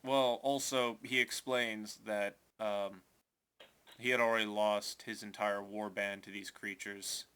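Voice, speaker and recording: A man narrating as game master in a tabletop game, loose and halting with many fillers. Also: lowish voice, flat delivery, sharp tone, smooth.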